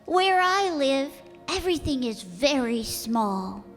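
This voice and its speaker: A woman's voice: high-pitched, very animated, slow pace, heavily acted. A woman playing a small, earnest, insistent boy prince from another planet in a radio drama, speaking with precise, solemn, childlike delivery. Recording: long hall reverb, music behind.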